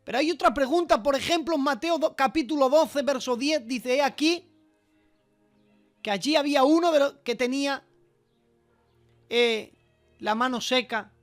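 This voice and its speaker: A man's voice: very high voice, normal speed, long pauses, soft background music. A man preaching a sermon, earnest and emphatic, asking his listeners rhetorical questions. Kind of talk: sermon preached over a walkie-talkie app service.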